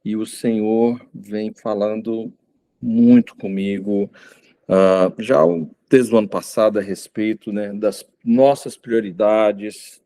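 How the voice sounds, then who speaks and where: Preaching informally as a guest, a middle-aged man from Goiânia, Brazil, stumbles along with frequent fillers and restarts. His voice is fairly low in pitch and dark in tone.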